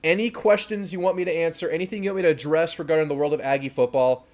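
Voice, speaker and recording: A man's voice: on the high side, fairly even intonation, fast. A young man hosting a fan sports livestream, chatting casually and greeting viewers by name in an upbeat way. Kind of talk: casual livestream chat reading viewer comments.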